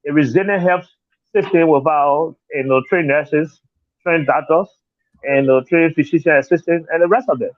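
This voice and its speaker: A man with a fairly high voice and a Liberian accent, speaking as a political candidate, answers interview questions earnestly, repeating words and often falling back on "you know." The recording is a tinny, dry phone line with no room sound.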